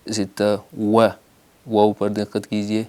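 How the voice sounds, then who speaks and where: Low, flat-voiced male recitation teacher. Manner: slow drawn-out Arabic recitation between explanations, many filler pauses. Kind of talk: instructional lesson with slow recitation.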